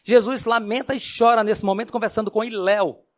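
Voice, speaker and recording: A man from Brazil giving a Spiritist lecture. He tells a story with animation, asks the audience questions and clears his throat often. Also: sits high, fairly even intonation, fairly quick. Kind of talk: lively religious lecture with storytelling.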